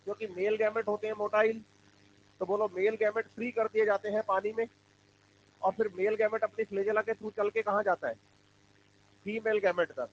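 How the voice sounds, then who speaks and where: High-voiced male teacher quizzing a class. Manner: call-and-response questioning. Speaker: biology teacher. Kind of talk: classroom lecture. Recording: dull lo-fi classroom recording with faint hum.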